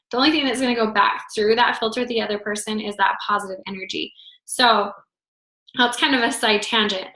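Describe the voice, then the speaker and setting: A woman with a fairly high, pushed, bright voice teaches a group as a foot zoning instructor. She's casual and chatty, uses lots of filler words, and sounds slightly worn, with a roomy echo on the recording.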